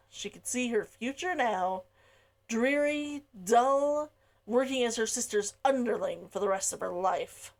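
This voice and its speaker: A woman with a slightly high voice reads her novel aloud chapter by chapter at a measured pace. During the casual intro she keeps giggling between sentences.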